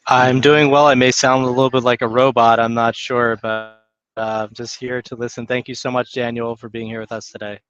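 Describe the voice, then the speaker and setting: A man's voice: medium pitch, little pitch movement, a little fast, a bit bright, clear, resonant tone, no echo, highs cut off. A man joining a video call briefly and politely, his voice coming through distorted and robotic. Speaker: guest partner joining briefly.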